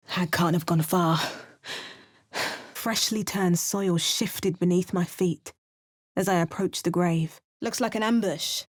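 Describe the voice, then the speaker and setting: Pitched on the low side with no echo, a woman voices a wary, determined adventurer hero with a British accent. It's video game dialogue where she alternates dry asides with storybook narration.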